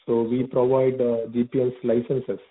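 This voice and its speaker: A man's voice: mid-range voice, completely flat delivery. South Indian man on a tinny phone line. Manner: halting, repeats words and often adds "actually". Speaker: business customer on a sales call. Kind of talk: conversational phone enquiry.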